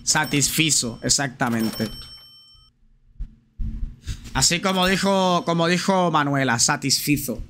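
Bright-voiced chatty male streamer. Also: on the high side, lively intonation, slow pace, pauses often, a little hiss or hum. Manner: chatty, slangy, talks straight to viewers and reads chat aloud. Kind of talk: casual live gameplay chat.

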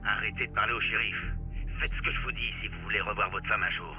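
An actor as a low, hushed, menacing kidnapper. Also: male voice, fairly even intonation, quick pace, music in the background, lightly acted, poor audio. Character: menacing male kidnapper giving orders by phone. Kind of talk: video game voice acting.

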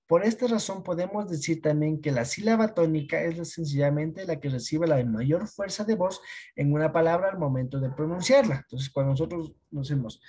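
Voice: medium pitch, warm tone, husky. A teacher giving an online class lesson, explaining patiently and often asking the students if they follow. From Ecuador. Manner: explains patiently, asks checking questions.

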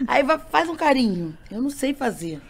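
A woman's voice: high-pitched, sing-song, normal speed, over a noisy crowd. A woman telling funny stories in a casual podcast chat, joking and laughing. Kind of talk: casual storytelling.

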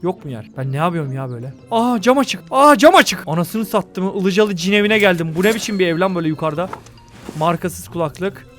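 A young man giving excitable, joking gameplay commentary to his viewers, swearing often. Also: high voice, fast talker, soft background music. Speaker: gaming streamer.

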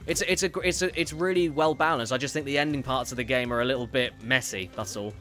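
A man's voice: mid-range voice, fast, a bit bright, faint music behind. Chatty rambling male game streamer. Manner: rambling, self-correcting, reads viewer messages aloud. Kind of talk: casual gameplay commentary.

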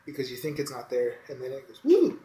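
Casual male food-challenge talker, thirties, mouth burning from hot peppers, medium pitch, roomy sound with faint noise. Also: level tone, fast talker, warm tone. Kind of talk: casual commentary during a challenge. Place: indoors at a kitchen dining table. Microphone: phone camera across the table. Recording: echoey room, faint background noise.

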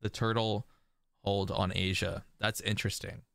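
A man streaming a strategy game, commenting live, excitable and laughing often, breaking into disbelieving exclamations. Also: fairly low pitch, moderate pace, creaky, smooth, dry recording, studio quality. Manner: laughs often while talking.

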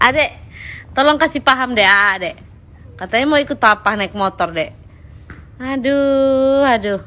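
Woman in a home video, high voice, slow and drawn out, teasing the little ones, faint hiss behind. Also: animated, bright, forceful tone. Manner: playful teasing talk to a baby. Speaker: family member filming children. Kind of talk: casual home video chat.

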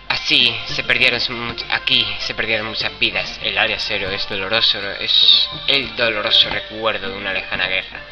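A young female commander from a video game, her lines read flatly aloud by a man in his ordinary voice with a Spain Spanish accent. Game music plays clearly underneath. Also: medium pitch, lightly acted, rough recording. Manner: flat reading of on-screen text.

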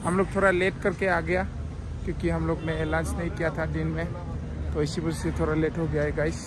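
A young man with a fairly high voice talks casually to his phone camera at arm's length. He narrates his trip in a chatty way as he walks outdoors. Loud street and traffic noise runs behind him. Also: level tone, fairly quick. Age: young adult. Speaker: travel vlogger. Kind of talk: casual travel vlog. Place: outdoors at a busy festival and roadside. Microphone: phone camera held at arm's length. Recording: noisy outdoor phone recording.

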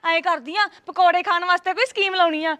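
A woman's voice: very high voice, steady tone, quick pace, a bit bright. A woman playing a scheming, dramatic, scolding Punjabi village sister-in-law in a comedy skit.

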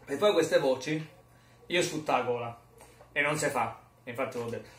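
A man's voice: medium pitch, moderate pace, fairly bright tone, slight background noise. A man vlogging in a rambling, jokey, self-mocking casual chat. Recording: roomy echo, mic far off.

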